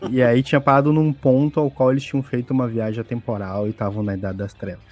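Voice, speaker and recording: A man's voice: medium pitch, brisk, faint music behind. A man telling a tabletop game anecdote in casual chat, acting out the characters and laughing as he goes. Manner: animated, acts out guards shouting with laughter. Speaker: podcast guest.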